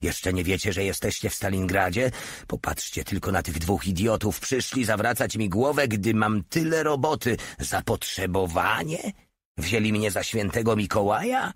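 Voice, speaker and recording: A man voicing an overworked military medic sergeant, shouting and contemptuous as he insults the listeners. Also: fairly low pitch, animated, moderate pace, breathy edge, no echo, studio quality. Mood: furious. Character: furious overworked male army medic sergeant.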